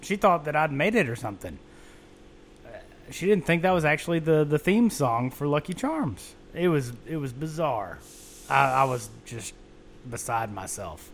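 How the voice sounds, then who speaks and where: A man chatting as a podcast guest, rambling freely and trailing off softly at times. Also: fairly high pitch, big pitch swings, normal speed, a little hiss or hum. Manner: chatty, self-described ranter, often soft and mumbled. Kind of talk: casual chat.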